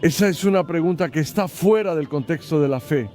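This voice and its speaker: Measured, mellow-voiced man. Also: a little high, soft background music. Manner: measured, hesitant, searching for words. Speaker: street interviewee. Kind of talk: thoughtful street interview answers.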